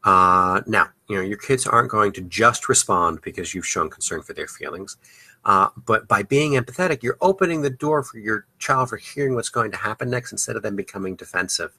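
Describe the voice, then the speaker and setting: A man talks through parenting advice on his podcast, his voice pitched a little low but very bright and forward. He speaks casually, with a steady stream of "uh" and "you know" fillers. The sound is close and dry. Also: a little fast, husky, no room sound. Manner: loose and conversational, many "uh" and "you know" fillers. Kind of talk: advice talk.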